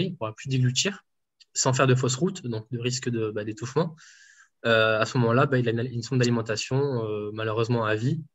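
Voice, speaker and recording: Man, dietitian interviewee, halting delivery, dull lo-fi call sound. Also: medium pitch. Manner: hesitant, many fillers and restarts. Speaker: home enteral nutrition dietitian. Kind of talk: casual interview answers.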